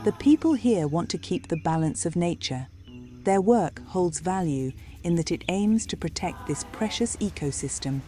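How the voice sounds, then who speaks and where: Female nature documentary narrator, lowish pitch, animated range, slightly dark tone, faint music bed. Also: normal speed.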